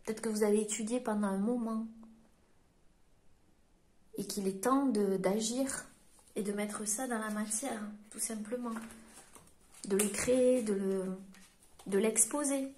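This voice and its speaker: French woman giving a halting card reading. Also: a little high, dark tone. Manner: halting, searching for words while reading cards. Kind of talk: tarot-style guidance reading to camera.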